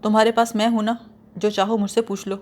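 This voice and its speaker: A woman's voice: mid-range voice, lightly acted. A woman voicing a weary young woman sick of her life, speaking in a sad, confiding way. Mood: coaxing.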